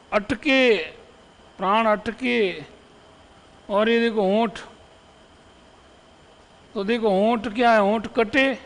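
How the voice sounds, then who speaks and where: A man's voice: high-pitched, long reverb tail. A male Hindi grammar teacher giving an exam-prep lesson, repeating example phrases and checking in with the students after each one. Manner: poses questions to the students.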